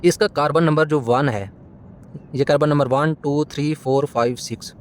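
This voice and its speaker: A man's voice: on the high side, steady tone, moderate pace, a little hiss or hum. A man lecturing on chemistry, walking through a diagram, asking his students questions and answering them himself, often stopping to correct his own slips. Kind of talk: classroom lecture explaining a diagram.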